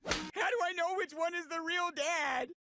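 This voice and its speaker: An actor playing a naive, whiny, dim-witted teenage boy in an animated sitcom, earnest and childish. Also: extremely high pitch, normal speed, no echo, clean studio sound. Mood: anxious.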